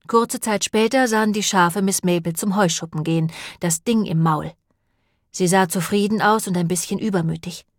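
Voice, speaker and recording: A woman narrating an audiobook in a calm, measured storytelling manner. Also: medium pitch, dry recording, clean studio sound. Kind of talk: scripted narration.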